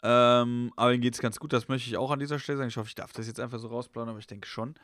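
A young man on a casual podcast, an animated storyteller who acts out quoted dialogue. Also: medium pitch, very fast, dry recording, clean studio sound. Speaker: podcast co-host and comedian.

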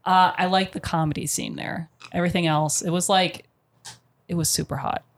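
A young woman comedian, a podcast guest telling stories with dry, deadpan humor. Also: on the low side, moderate pace. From United States. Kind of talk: casual chat.

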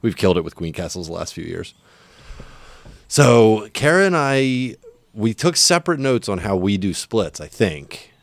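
Deep voiced chill guy hosting a podcast outside in the open, slangy casual talk, dry sound. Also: big pitch swings, normal speed, gravelly, no echo. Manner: laid-back, slangy. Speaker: podcast host. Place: outdoors in an open natural area at night.

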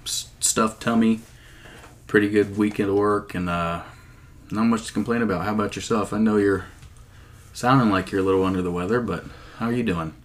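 A man co-hosting a casual sports podcast, talking in halting, hesitant phrases. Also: lowish voice, steady tone. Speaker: podcast co-host.

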